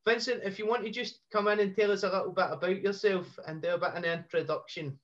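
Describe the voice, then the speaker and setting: A man's voice: high voice, fairly even intonation, fast talker, a bit bright, dull audio. A man hosting a podcast, welcoming a guest and prompting him with short encouraging cues. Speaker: podcast host.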